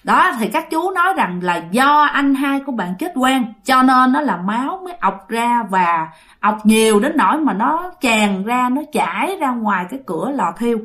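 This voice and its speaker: A woman's voice: a little high, expressive, normal speed, fairly bright tone. Chatty Southern Vietnamese woman storyteller. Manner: chatty, addresses listeners directly. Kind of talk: ghost story narration.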